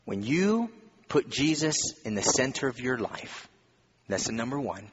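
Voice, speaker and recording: A man's voice: mid-range voice, big pitch swings, measured pace, muffled recording, background noise. A man preaching a sermon, building his points with rhetorical questions and repeated phrases.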